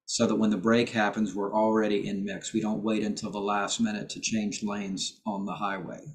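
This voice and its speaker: A man's voice: fairly low pitch, level tone, moderate pace, a little hiss or hum. Man teaching voice over a video call. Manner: patient, explanatory, with sung demonstrations. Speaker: choir director and voice teacher. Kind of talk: online rehearsal vocal instruction.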